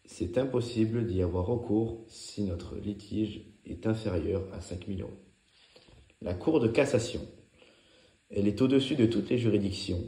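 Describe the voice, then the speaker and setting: A low, slightly dark male voice narrates a lesson from written notes. He delivers each item in short, clipped, didactic phrases. The recording is roomy and echoey. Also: moderate pace. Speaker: narrator of a law revision lesson. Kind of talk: scripted study notes read aloud.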